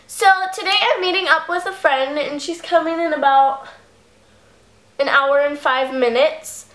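A teenage beauty vlogger with a high, stuffy, nasal voice narrates her makeup routine a little slowly, her tone fairly bright. It's a casual get-ready-with-me voice-over from her living room at home, peppered with "um" and "like," with music playing behind her.

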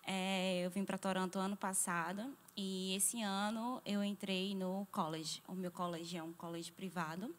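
A woman's voice: medium pitch, steady tone, a little slow, few pauses, slight background noise. Giggly woman. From Pernambuco, Brazil. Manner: giggly and playful, with hesitations. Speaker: guest student. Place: TV studio set. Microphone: handheld mic.

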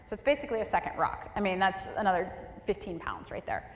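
A woman's voice: medium pitch, huge pitch swings, fast, a little hiss or hum. A woman in her thirties giving a candid, wry storytelling speech as keynote speaker at a leadership forum. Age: 30s. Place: large hall at a leadership forum. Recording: roomy hall with long reverb.

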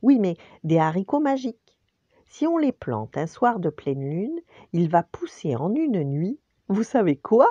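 A woman voicing a brave, practical older sister who speaks briskly and decisively. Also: mid-range voice, sing-song, mellow, dry recording, lo-fi sound, voice pushed up. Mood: determined. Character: bold resourceful eldest sister, brave and practical.

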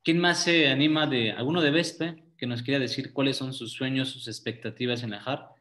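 A man's voice: medium pitch, fairly even intonation, brisk, fairly bright tone. Encouraging male teacher on a video call. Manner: encouraging, coaxing shy students. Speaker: youth group leader, teacher.

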